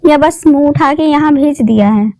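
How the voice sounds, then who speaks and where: Woman putting on a high shouty mother-in-law, taunting, dry close sound. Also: normal speed, dry recording. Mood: furious. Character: harsh scolding middle-aged mother-in-law.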